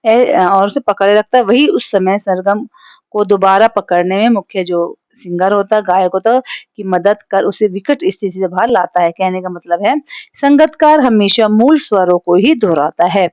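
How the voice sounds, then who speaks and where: Speaking at a middle pitch with a darkish tone and moderate pace, a woman teacher with a Hindi accent patiently explains a poem line by line. She keeps checking in with "theek hai" to make sure the class follows. The recording is dry, without echo or room sound.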